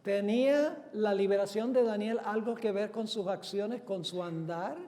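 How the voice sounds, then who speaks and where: Man, pastor, sermon, high voice, emphatic, answers his own questions, long hall reverb. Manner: asks the congregation questions and answers them himself; emphatic, swells loud on key words.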